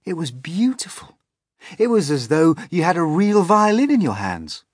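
A man's voice: fairly high pitch, very animated, moderate pace, no room sound, studio quality, voice pushed up. A man voicing a curious, polite small boy who asks earnest questions. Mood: wondering. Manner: wide-eyed, earnest, questioning.

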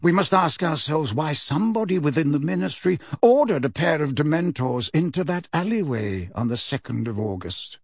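A man voicing an elderly wizard who speaks calmly, lightly and clearly in an audiobook. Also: high voice, a little slow, no room sound, studio quality, voice pushed up, full character voice. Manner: calm, light, quiet but clear. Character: calm, wise elderly wizard headmaster.

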